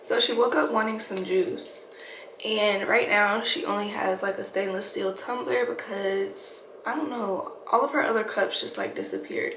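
Speaking at a normal pace with a medium, somewhat bright voice, a freshly woken working mom talks casually to viewers in a chatty vlog. She sounds sleepy and leans on repetition for emphasis, recorded in an echoey room with faint noise.

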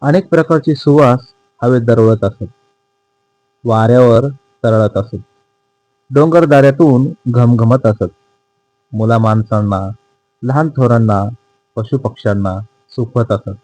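Man narrating a children's tale, sing-song cadence, slow and mellow. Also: mid-range voice, no echo, rough recording. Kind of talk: reading a children's textbook story aloud.

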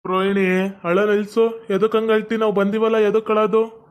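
A fussy middle-aged village father, played by a man. His voice is high and stays flat as he coaxes the others along. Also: normal speed, clean tone, natural voice. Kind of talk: comedy sketch acting.

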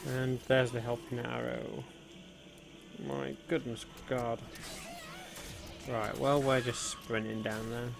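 A man's voice: medium pitch, little pitch movement, slow pace, gravelly, pauses often, over music. A man hosting a casual let's-play, chatting to viewers as he plays, with frequent ums. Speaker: gaming video host. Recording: noticeable background noise.

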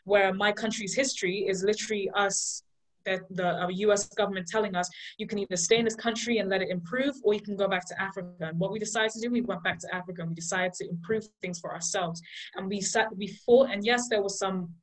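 A young woman from Liberia and Ghana, arguing passionately in an online student debate with a fast flow of points and fillers. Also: mid-range voice, steady tone, low-quality recording. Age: young adult. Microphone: video call.

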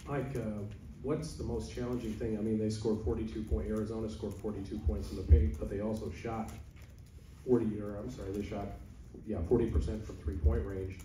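A man's voice: on the low side, level tone, a little fast, warm tone. A man, a reporter, asking a question at a press conference and correcting himself along the way. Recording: roomy, distant, faint noise.

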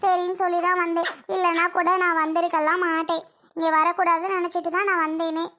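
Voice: very high voice, little pitch movement, quick pace. A child playing a spiteful sister-in-law. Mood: grudging. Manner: sharp, accusing, resentful. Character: spiteful woman, husband's sister, resentful. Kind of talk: homemade family drama.

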